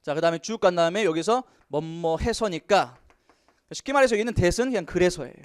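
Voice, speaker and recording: A male English teacher giving an exam prep lecture, lively, asking questions and answering them himself. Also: high voice, fairly quick, clean tone, dry recording.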